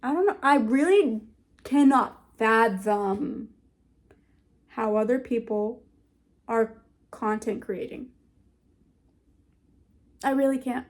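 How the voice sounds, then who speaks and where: A woman's voice: fairly high pitch, slow pace, pauses often. A young woman vlogging in a casual, rambling way, often stopping to search for words and restarting her sentences. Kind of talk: casual talk to camera.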